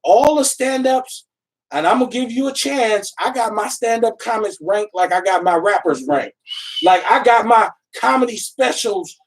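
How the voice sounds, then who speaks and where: A man's voice: high voice, moderate pace. A man hosting a podcast, talking in a rambling, enthusiastic way and searching for names as he goes. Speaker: podcast host. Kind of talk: casual podcast chat. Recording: voice a bit far from the mic.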